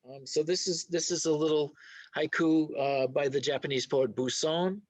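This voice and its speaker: A man reading haiku slowly and softly at a memorial, pausing haltingly as he speaks of loss. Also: medium pitch, no room sound. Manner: soft, halting, grieving pauses. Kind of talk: slow poetry reading.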